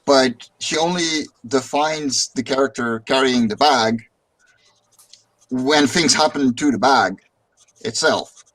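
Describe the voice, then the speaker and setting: Poor audio carries a man's slow, mid-range, slightly bright voice. He's a streamer and comic artist chatting casually, rambling and repeating words as each thought starts up.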